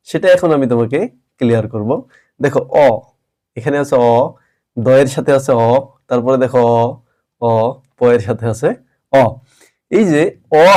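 A man's voice: medium pitch, mellow. Patient male teacher explaining pronunciation. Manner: patient, explains step by step, repeats words slowly. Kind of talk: grammar lesson at a board.

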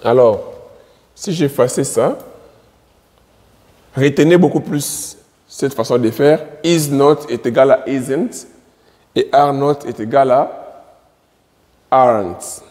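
Slow-talking man teaching at a board. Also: medium pitch, darkish tone, long reverb tail. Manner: drills words by repeating them slowly. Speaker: English teacher. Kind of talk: slow classroom explanation at a board.

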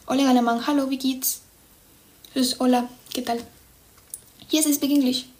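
A woman's voice: high-pitched, steady tone, normal speed, a little mellow. A young Cuban woman with a Cuban Spanish accent, chatting casually on a livestream and answering viewers' comments. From Cuba. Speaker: livestream host. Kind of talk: casual live-stream chat with viewers.

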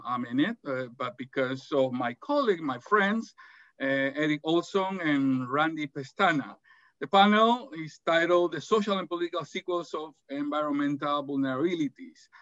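Moderating and presenting in an academic webinar from his office, a middle-aged man from El Salvador speaks hesitantly over a video call, with many fillers and restarts. His voice is a little high and fairly bright, with no echo, and the call audio is dull and dry.

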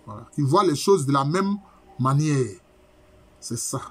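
A middle-aged man, lecturing as a professor and explaining terms slowly with many repetitions. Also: mid-range voice, expressive, fairly bright tone, husky. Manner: explains terms slowly, repeating key phrases. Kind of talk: university lecture.

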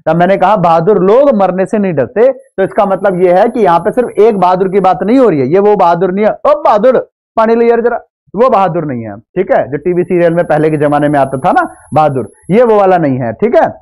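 This high-voiced, slightly mellow instructor runs an online exam-prep English grammar class, talking fairly quickly with lively intonation and hardly any pauses. He mixes in English, teases and mock-scolds the students, goes over rules again and again, and has them say yes.

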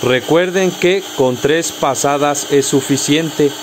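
A man's voice: on the high side, slow pace, background noise. A man with a Mexican accent narrating a step-by-step car accessory tutorial, patiently instructing viewers directly. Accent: Mexican Spanish.

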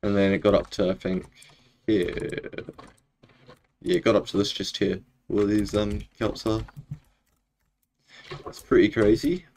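A man's voice: lowish voice, flat delivery, a little slow, pauses often, a little mellow, slight background noise. A young man with a broad New Zealand accent, chatting casually and slangily in a laid-back way while streaming a game. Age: young adult. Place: small indoor room at home.

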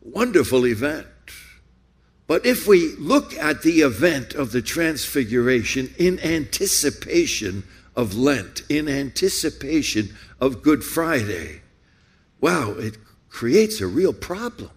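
Husky preacher man with slow, lively delivery. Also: medium pitch. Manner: rhetorical, repeating questions with rising emphasis. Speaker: pastor. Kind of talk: sermon.

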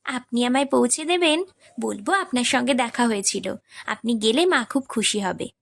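Woman doing a cheeky teen girl, high and teasing, dry sound. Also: normal speed, vocal fry, dry recording. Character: playful teenage girl Munni, cheeky.

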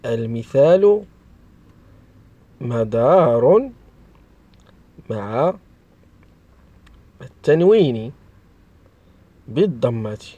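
Man teaching little kids to read, super slow, drags out and repeats every word. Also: on the high side, very animated, a little mellow, no room sound, dull audio. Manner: stretches and repeats each word, stressing sounds. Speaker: primary school teacher. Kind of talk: slow, drawn-out reading lesson for young children.

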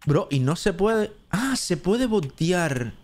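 Cuban man streaming gameplay, talkative and thinking aloud, voice sitting a bit high. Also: big pitch swings, slow, a little mellow, a little hiss or hum. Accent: Cuban Spanish. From Cuba. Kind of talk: live gameplay commentary.

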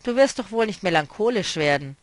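A man's voice: a little high, moderate pace, a bit bright, no echo, lightly acted. A man reading a novel aloud, voicing a stern, mocking woman who speaks firmly and decisively. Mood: determined.

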